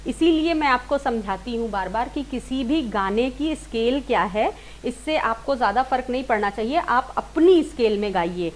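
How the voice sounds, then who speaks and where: A singing teacher with a fairly high, expressive voice gives an informal lesson at normal speed, barely pausing. She explains step by step, repeating and rephrasing points and mixing English words into her speech. The low-quality recording carries clear hiss and background noise.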